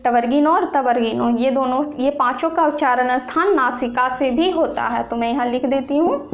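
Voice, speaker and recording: A young woman with a Bihari accent teaching a grammar lesson, repeating rules slowly and asking the viewer questions. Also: sits high.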